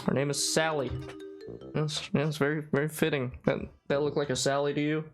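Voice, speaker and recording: A man's voice: a little high, flat delivery, brisk. A young man hosting a casual guessing game, rambling, repeating words and laughing often as he explains. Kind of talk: casual chat. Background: background music.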